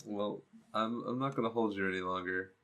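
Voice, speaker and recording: Low-voiced man hosting a podcast. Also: steady tone, brisk, pushed and bright. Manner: brief, encouraging replies. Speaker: podcast host. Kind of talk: casual interview chat.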